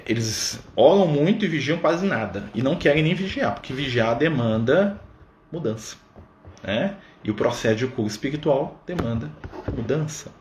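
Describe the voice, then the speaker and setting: A man leading a casual Spiritist study on a live stream, talking conversationally and often adding "né?" and "tá?". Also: mid-range voice. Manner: conversational, full of "né?" and "tá?" asides. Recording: roomy sound with faint background noise.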